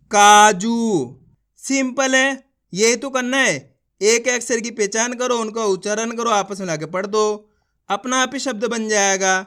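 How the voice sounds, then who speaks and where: Slow, clear-voiced male reading teacher. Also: extremely high pitch, bright, forceful tone. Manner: sounds out syllables one by one, then blends them into words; encouraging, repeats instructions to viewers. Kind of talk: beginner reading lesson.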